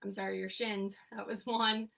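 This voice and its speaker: A young instructor guides a seated class remotely from her home, counting reps and giving short, upbeat coaching cues. Her medium-pitched voice is level, fairly bright and carries some vocal fry, at a moderate pace, captured by a distant mic.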